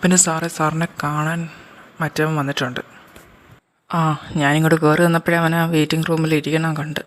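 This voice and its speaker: A woman's voice: low voice, flat delivery, brisk. A woman acting in a fan audio drama, speaking plainly and conversationally while voicing male characters.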